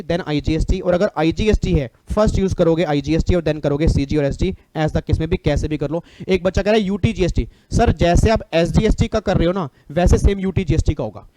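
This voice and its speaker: A man's voice: sits high, warm tone, no echo. A man teaching an online exam-prep lecture, joking and bantering with his students.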